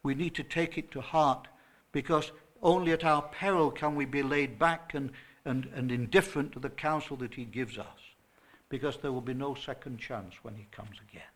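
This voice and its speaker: A man preaching a sermon to a small church congregation, earnest and emphatic, rising to loud stresses. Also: medium pitch, normal speed. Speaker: pastor.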